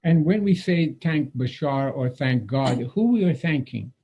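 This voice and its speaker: A man's voice: a little high, animated, measured pace, mellow, lo-fi sound, a little hiss or hum. A man from the audience asking questions hesitantly, searching for his words. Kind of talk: live question and answer.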